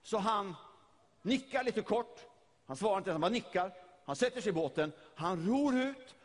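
High-voiced preacher man in a reverberant hall. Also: animated. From Sweden. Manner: storytelling, vivid retelling with repeated words. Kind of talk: sermon.

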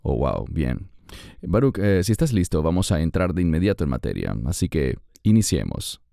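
A man hosting a Bible discussion, speaking in an earnest, measured way. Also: deep voice, sing-song, gravelly, mellow, no echo, studio quality. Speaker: host.

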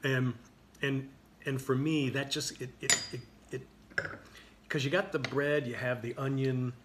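Male host, mid-pitched voice, relaxed, rambling, dinner table chat. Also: measured pace, background noise. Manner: relaxed, rambling, with repeated restarts. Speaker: show host. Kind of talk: casual chat over a dinner. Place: dining table indoors.

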